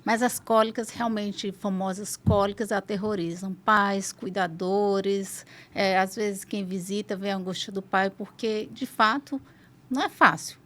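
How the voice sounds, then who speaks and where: Brazilian woman specialist, mid-pitched, measured and explanatory, podcast guest. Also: steady tone, fairly bright tone. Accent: Brazilian Portuguese. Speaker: pediatric gastroenterologist guest. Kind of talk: podcast interview.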